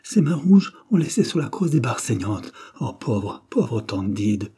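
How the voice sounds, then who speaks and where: A man's voice: mid-range voice, very animated, a little slow, warm tone, husky, full character voice. A man doing a frenzied old madwoman. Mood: eerie singsong. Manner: pleading, shrieking, wild. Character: frenzied old woman, mad with terror. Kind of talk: audiobook reading.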